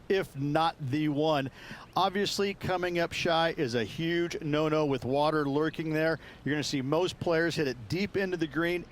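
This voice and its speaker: A man giving relaxed, folksy color analysis on golf, as scripted video game commentary. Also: a little high. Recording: commentary mixed over crowd and course noise.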